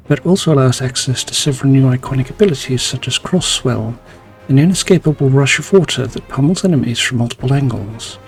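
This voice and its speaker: A man reading scripted video game tutorial narration in a formal, measured, explanatory manner. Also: medium pitch.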